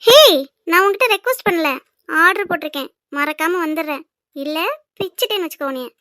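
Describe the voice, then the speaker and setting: A woman's voice: extremely high pitch, animated, brisk, bright, forceful tone, dry recording, clean studio sound, heavily acted. A woman playing a bossy, teasing young cartoon girl. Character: playful, bossy young woman heading abroad. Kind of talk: cartoon voice acting.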